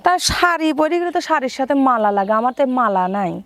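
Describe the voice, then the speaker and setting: A woman's voice: sits high, lively intonation, fast talker, a bit bright, no room sound. A woman playing a fussy, chatty village woman who complains and asks about a necklace. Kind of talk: rural comedy drama acting.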